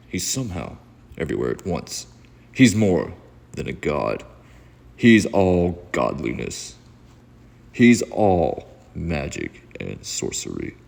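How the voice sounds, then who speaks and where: Deep and darkish, with vocal fry, this man's voice carries casual vlog talk and dramatic comic narration on his comic book channel. He records indoors in a room that reverberates, and background noise is audible.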